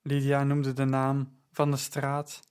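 A man narrating an audiobook story in a measured, even storytelling manner. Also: medium pitch, smooth.

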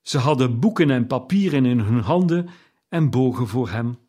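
A man reading a classic story aloud as narrator, with a measured storytelling delivery. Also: mid-range voice, lively intonation, mellow. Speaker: audiobook narrator. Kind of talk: scripted narration.

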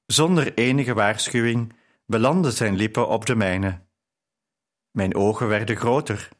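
A man narrating an audiobook chapter in a measured storytelling voice. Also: lowish voice. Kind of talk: scripted narration.

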